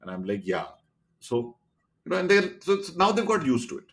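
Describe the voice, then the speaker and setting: Indian man telling animated stories. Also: fairly high pitch, fairly quick. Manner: animated anecdotes with quoted dialogue and laughter. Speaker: podcast guest. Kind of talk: casual storytelling chat.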